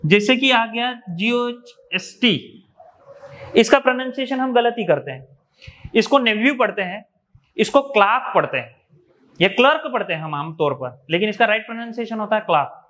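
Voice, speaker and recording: A man's voice: high voice, lively intonation, moderate pace, a bit bright. A man from India giving an exam revision lecture, explaining step by step and repeating key terms. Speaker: teacher.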